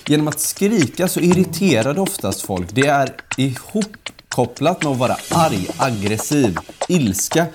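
Calm man debating in favor of whispering. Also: medium pitch, background noise. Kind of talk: comic podcast debate.

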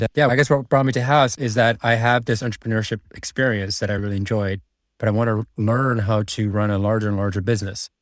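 Studio-quality audio with no echo captures a lowish-voiced man in his thirties, guesting on a podcast. Born in China, raised in Prague and relocated to Vancouver, this MBA student and finance executive earnestly describes how he reached business school, restarting many times.

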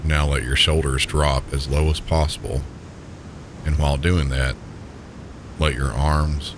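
A man with an extremely deep voice and a Southern US accent works as a sleep story narrator. He speaks gently and calmly, guiding the listener slowly toward rest. A steady, loud low rumble of noise runs behind him. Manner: calm, gentle, unhurried guiding. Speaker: sleep story podcast host. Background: low pink-noise rumble.

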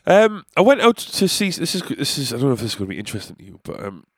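A man's voice: medium pitch, very animated, fast, husky, dry recording, clean studio sound. A man hosting his own podcast, chatting in a rambling, sweary, self-deprecating way with a stuffy nose. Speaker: podcast host, comedian and musician. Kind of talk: casual rambling monologue.

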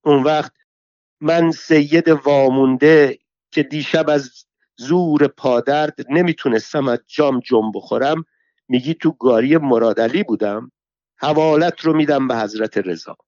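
A man doing a shrill, brawling old woman from a storybook, hurling curses in a raised, strained voice. The recording is dry and dull, with no room sound. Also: no echo, lightly acted. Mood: scolding. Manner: shouting insults, abusive, theatrical. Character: shrill foul-mouthed quarrelsome old pilgrim woman.

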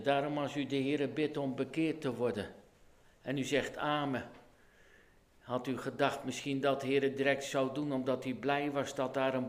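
Dutch pastor in an earnest sermon, mid-pitched man, pleading and urgent. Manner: earnest preaching that rises to urgent, loud pleading.

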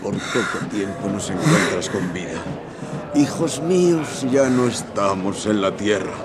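A calm, forgiving old priest speaks solemnly of death and consoles those around him, his voice rising and falling. in a radio play, with the murmur of a crowd behind him. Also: fairly low pitch, a little slow. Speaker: actor. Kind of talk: radio drama acting.

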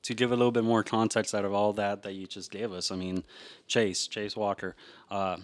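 A man hosts a casual podcast chat, his voice sitting low and recorded dry with no room sound. He talks in a loose, rambling way, circling back and restarting his sentences as he explains an idea. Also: moderate pace, no echo. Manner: relaxed, rambling, with frequent restarts. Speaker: podcast host.

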